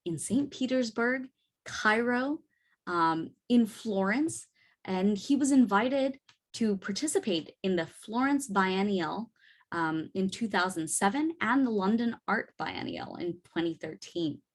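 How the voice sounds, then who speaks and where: A woman's voice: mid-range voice, lively intonation, measured pace. A woman emceeing a talent show in a cheerful, upbeat way and introducing the next act. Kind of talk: event hosting.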